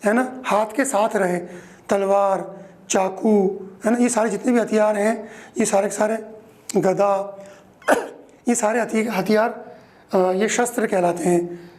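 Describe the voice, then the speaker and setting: A male teacher giving a grammar lesson, explaining slowly and repeating each word, often checking in with the class. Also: sits high, fairly even intonation, darkish tone.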